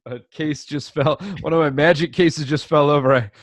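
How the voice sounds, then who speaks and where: A man co-hosting a show in casual banter, animated and often laughing. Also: on the high side, moderate pace, dry recording. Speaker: co-host.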